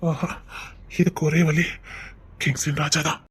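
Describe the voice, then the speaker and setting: A woman's voice: sits low, little pitch movement, unhurried, breathy edge, exaggerated voice. A woman voicing an anxious older man of the family in an audio drama, urgent and flustered as he barks orders. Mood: bewildered. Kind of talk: Tamil serial-style audio drama.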